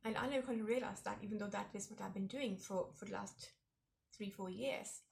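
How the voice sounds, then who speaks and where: This vlog host, a woman in her forties, tells personal stories with reflective warmth, chatting along and leaning on frequent fillers. She speaks briskly in a creaky, mid-range voice.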